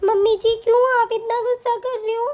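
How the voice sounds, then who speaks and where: A woman voicing a very high, pleading young bride. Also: moderate pace, dull audio. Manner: pleading, soft-spoken. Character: young, put-upon daughter-in-law. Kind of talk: cartoon voice acting.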